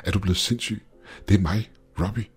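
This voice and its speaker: A man's voice: very deep voice, darkish tone, breathy edge, full character voice. A man voicing a frightened male friend in a horror story, nervous and pleading. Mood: panicked.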